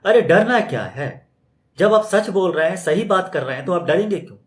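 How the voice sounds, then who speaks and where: A man's voice: high voice, very animated, normal speed. A man giving an unscripted spiritual talk, speaking conversationally, throwing out rhetorical questions and mimicking other people's objections. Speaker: spiritual teacher. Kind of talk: extempore spoken talk. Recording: roomy echo.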